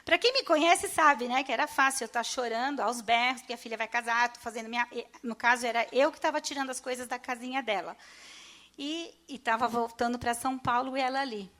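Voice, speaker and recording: This is a personal testimony given to a church by a middle-aged Brazilian woman whose voice is fairly high with a fairly bright tone. Emotion makes her delivery halting, as she keeps pausing and restarting while she relives what happened.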